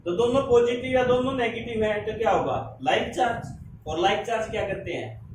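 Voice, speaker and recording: A man teaching a physics lesson with an Indian accent, mixing Hindi and English, dictating slowly and asking students quick check questions. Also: high-pitched. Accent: Hindi-English mix, Indian. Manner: addresses students as "beta", asks rhetorical check questions. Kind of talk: classroom lecture, dictating notes slowly. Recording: distant echoey classroom with noise.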